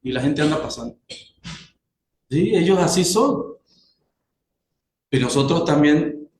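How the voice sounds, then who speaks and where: A man's voice: fairly high pitch, reverberant, poor audio. A man preaching a sermon in a conversational way, asking the congregation questions as he goes.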